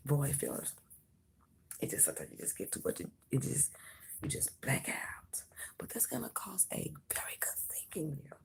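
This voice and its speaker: Whispering a close tarot reading to the viewer, this reader stays emphatic and reassuring, echoing phrases and using honey and mama. Her mid-range voice is gravelly, swoops wildly in pitch, and moves at normal speed.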